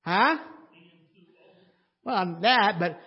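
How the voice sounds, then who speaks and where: Speaking extremely slowly in a high, breathy voice, this male pastor delivers a conversational sermon in the sanctuary, quizzing the congregation and adding dry sarcasm. Long church reverb hangs over the dull recording.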